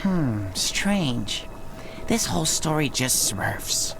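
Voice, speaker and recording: A woman's voice: low-pitched, big pitch swings, drawn-out words, background noise, exaggerated voice. A woman voicing a small, chatty, earnest male Smurf in a video game, wordy and fussy. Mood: inquisitive. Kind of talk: video game cutscene acting.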